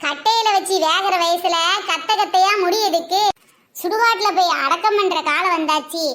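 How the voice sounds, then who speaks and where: A woman playing shrill squabbling village women. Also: fairly bright tone. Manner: shrill, teasing, quick-tongued banter. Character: squabbling village women, feuding mother-in-law and daughter-in-law. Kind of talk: scripted comedy skit.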